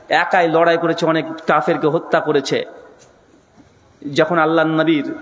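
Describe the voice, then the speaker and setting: A man preaching a sermon, telling a story dramatically and rising to shouts at the peaks. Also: sits high. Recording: echoey hall with long reverb.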